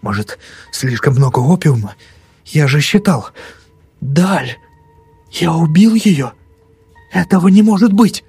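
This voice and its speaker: A man's voice: mid-range voice, animated, normal speed, mellow, husky, no room sound, soft background music, pitched above the performer's own voice. A man voicing a panicking young doctor who pleads frantically in a storybook reading. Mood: panicked pleading. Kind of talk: audiobook character voice.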